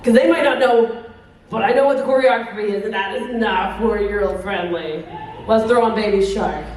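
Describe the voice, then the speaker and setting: A woman's voice: mid-range voice, normal speed, a little mellow, a little hiss or hum. A woman in her twenties giving a playful, teasing workshop talk as a convention guest and calling the audience babes. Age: 20s. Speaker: cosplay guest and workshop presenter. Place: convention panel room. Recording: very echoey room, speaker far from the mic.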